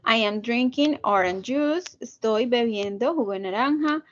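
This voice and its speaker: A woman leads an online English class, walking her students patiently through each rule and checking that they follow. Her voice sits a little high. The video call audio is dull and lo-fi. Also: a little slow. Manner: patient, explains step by step, checks in with "¿listo?". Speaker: English teacher.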